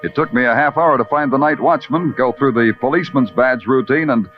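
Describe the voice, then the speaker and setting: A male actor voices a wry, hard-boiled American big-city police detective narrating his case in the style of a 1950s radio crime drama. His natural, medium-pitched voice moves fairly quickly, sardonic and terse but full of florid noir phrasing. The recording sounds like a muffled old radio broadcast, with music.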